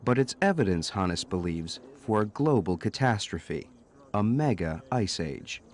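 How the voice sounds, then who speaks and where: Low-voiced man narrating a nature documentary. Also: expressive, a little slow, darkish tone, slight background noise. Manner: dramatic, storytelling. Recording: music under the voice. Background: music.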